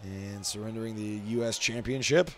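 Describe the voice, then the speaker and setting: This host's voice is on the low side, at normal speed, with a little hiss or hum. He gives rambling, jokey, self-deprecating commentary on wrestling video game cutscenes, slipping into mock wrestling announcing.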